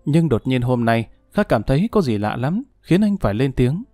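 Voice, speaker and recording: A man narrating an audiobook in a steady storytelling manner. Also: medium pitch, normal speed, dry recording, clean studio sound, faint music behind. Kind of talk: dramatic audiobook reading.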